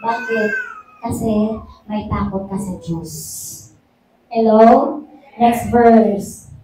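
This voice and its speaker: A woman's voice: mid-range voice, extremely slow. A woman preaching a sermon to a congregation. She is emphatic, fires off rhetorical questions and calls of "Amen?", and switches between Tagalog and English. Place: church hall. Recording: echoey hall from far off, faint noise.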